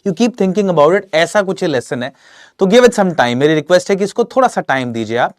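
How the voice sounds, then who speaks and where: A man's voice: high-pitched, very animated, normal speed, no room sound, studio quality. A man teaching a live online English class while suffering from a sore throat and a cold, chatty and reading out names and comments from viewers.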